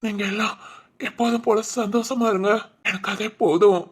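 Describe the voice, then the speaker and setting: A woman's voice: mid-range voice, steady tone, normal speed, slightly rough, lightly acted. A woman voicing a dying middle-aged father in a doll-film drama, breathless, faltering and apologetic. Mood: humble grateful.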